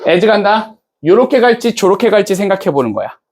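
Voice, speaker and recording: A man's high-pitched, sing-song voice with a darkish tone moves fairly quickly as he teaches an English class. He banters casually, checking in with students and asking questions as he goes.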